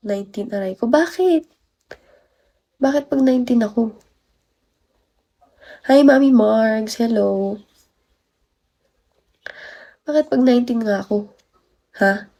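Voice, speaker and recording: Pitched on the high side, her mellow voice moves slowly, with vocal fry and frequent pauses. She's a college student of nineteen from Baguio, Philippines, chatting on stream despite a cold that leaves her tired and achy, saying hello to viewers and thanking them one after another.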